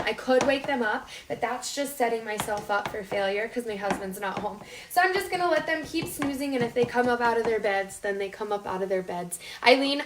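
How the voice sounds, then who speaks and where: A woman in her thirties with a North Dakota accent, hosting a casual cooking livestream and chatting informally straight to viewers. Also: fairly high pitch. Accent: North Dakota, upper Midwestern American. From Las Vegas, United States. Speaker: host of a live cooking show. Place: home kitchen, indoors. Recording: echoey room, clearly noisy with clicks.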